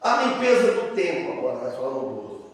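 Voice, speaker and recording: A man's voice: mid-range voice, sing-song, brisk. A man, a pastor, preaching a sermon in a plain conversational way, addressing the congregation as brothers and often breaking off and restarting words. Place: church sanctuary. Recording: echoey church hall, mic far off.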